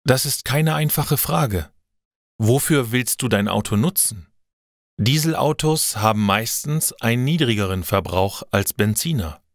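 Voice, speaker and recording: A man's voice: mid-range voice, expressive, unhurried, dry recording, clean studio sound. A man voicing a friendly mechanic who patiently explains cars to a friend. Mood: helpful. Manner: helpful, explaining. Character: knowledgeable male car mechanic friend.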